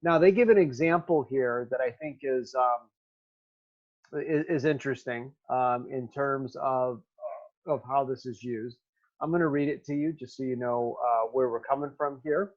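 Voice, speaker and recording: A man teaching a recorded remote lesson, talking straight to his students in a halting way with many ums. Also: medium pitch, lo-fi sound.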